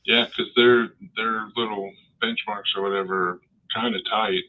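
A man's voice: lowish voice, steady tone, moderate pace. A man talking casually as a podcast guest, laid-back and joking, heard over a tinny line. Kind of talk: casual chat.

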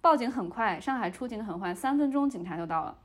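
A woman's voice: fairly high pitch, fast. A young woman, a podcast host, telling a story in casual chat and acting out the dialogue as she goes. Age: young adult. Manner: lively retelling, playing out the dialogue.

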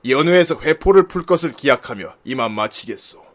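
A man's voice: medium pitch, lively intonation, a little fast, voice pushed down, natural voice. A man voicing a solemn ancient war general who speaks in stiff, archaic formal speech.

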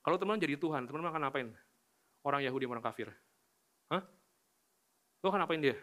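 Give me a young male youth preacher, casual and animated, a touch high-pitched. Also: fast talker. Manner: animated, swings from loud to hushed. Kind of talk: casual sermon.

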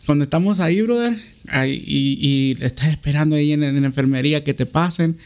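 A man telling a casual story, animated and repeating "brother" often. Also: on the high side, brisk, clean tone.

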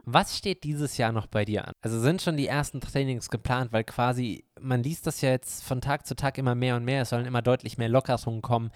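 A man hosting a podcast in casual interview chat, lively and joking, acting out the people he quotes. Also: mid-range voice, a little fast, hardly any pauses, no room sound, clean studio sound. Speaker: podcast host.

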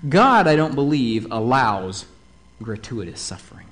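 A man preaching a sermon, animated and fond of asking his listeners rhetorical questions. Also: mid-range voice, measured pace.

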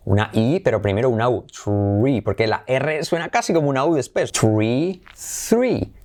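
A man's voice: medium pitch, lively intonation, quick pace, a little mellow. A man with a Spanish accent from Spain, teaching English pronunciation and repeating words over and over with exaggerated sounds. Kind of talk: pronunciation lesson.

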